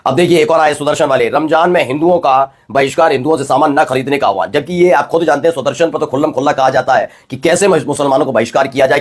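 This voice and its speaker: Fast-talking husky male news commentator. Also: fairly high pitch. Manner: fast, rhetorical, addressing viewers directly.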